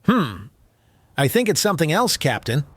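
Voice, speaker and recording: A man's voice: on the high side, very animated, moderate pace, fairly bright tone, no room sound. A man playing an earnest, anxious young male bird in an audio story, flustered and wordy in manner. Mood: reflective, earnest. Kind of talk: scripted audio story acting.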